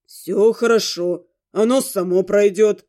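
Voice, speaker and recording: A woman doing a gruff low ghost monster. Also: takes it slowly, warm tone, close to an everyday voice. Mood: gruff, soothing. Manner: gruff, curt, then soothing. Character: grumpy male ghost monster in a mirror.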